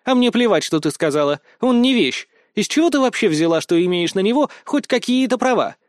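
A man's voice: high voice, lively intonation, a little fast, a little mellow, no echo, clean studio sound, voice pushed up. A man voicing a composed young blonde female student who talks in a stern, cool, reasoning way.

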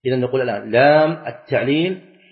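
A middle-aged man, teaching a class, reciting verses slowly and quizzing students with short questions. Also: mid-range voice. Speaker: Islamic scholar teaching a class. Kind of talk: classroom lecture on Arabic grammar and scripture. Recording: echoey, dull lecture-hall recording.

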